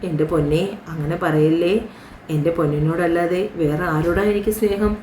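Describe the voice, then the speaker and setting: A man's voice: fairly high pitch, fairly even intonation, normal speed, a little mellow, a little hiss or hum, close to an everyday voice. Woman reading as a doting young man. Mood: tender, coaxing. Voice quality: coaxing, affectionate. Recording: roomy home recording.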